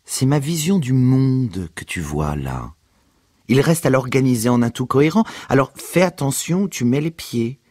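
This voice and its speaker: A man's voice: mid-range voice, big pitch swings, normal speed, a little mellow, no room sound, studio quality, voice pushed up. A man voicing a pompous, petulant male medievalist with a theatrical, declamatory manner. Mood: haughty indignation.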